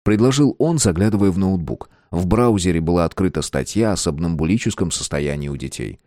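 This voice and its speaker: A man narrating an audiobook in measured storytelling, recorded with a dry, close sound. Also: low voice, animated, dark tone, dry recording. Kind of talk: scripted narration.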